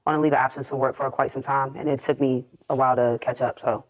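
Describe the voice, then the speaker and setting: A woman's voice: very deep voice, little pitch movement, fast talker, low-quality recording. A woman defendant in a TV court, answering questions briefly and hesitantly.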